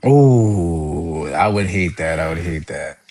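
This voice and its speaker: A man talking in a casual chat, rambling and excited, often laughing as he goes. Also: deep voice, slow pace, no room sound. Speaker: guest.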